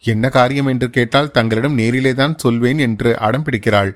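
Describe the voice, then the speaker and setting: A man narrating a historical novel in a steady, measured reading voice. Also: medium pitch. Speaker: storyteller.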